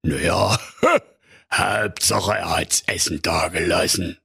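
A man voicing a fearsome, gluttonous dragon in a storybook tale, slow and relishing. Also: sits low, steady tone, bright, forceful tone, dry recording, studio quality, voice pushed down, full character voice. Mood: smug. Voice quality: gravelly rasping.

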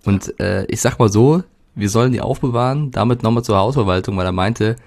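A man's voice: on the low side, fairly quick, vocal fry, a little mellow. A man co-hosting a casual podcast, telling stories in a rambling way with many fillers and casual swearing. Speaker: podcast co-host. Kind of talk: casual chat.

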